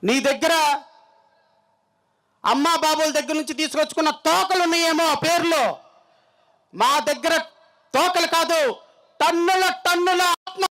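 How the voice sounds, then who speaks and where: This is a rough recording of a political speaker at a rally, a man with an Andhra Telugu accent and an extremely high, sharp voice. He talks at normal speed with long pauses, delivering a fiery, combative, threatening speech and hammering phrases through repetition.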